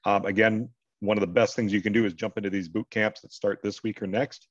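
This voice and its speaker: A middle-aged American man hosts an online advising session from indoors, explaining things directly and informally to his audience. His fairly low voice barely moves in pitch and runs a little fast. The video call mic gives dull, lo-fi, dry audio.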